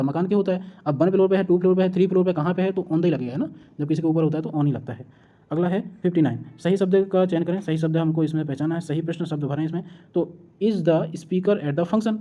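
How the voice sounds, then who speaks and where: A woman tutor works through exam questions at a brisk, rapid clip. Her voice is dark and mellow. She asks each question aloud, answers it herself, and keeps checking that her students follow. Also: fairly low pitch, lo-fi sound. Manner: repeats her own questions, then answers them; checks in with "है ना" often.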